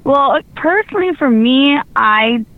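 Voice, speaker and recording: High-voiced woman on a dull call-in line. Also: animated, a little slow. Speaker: caller to a radio show. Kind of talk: casual chat. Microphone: phone call into studio.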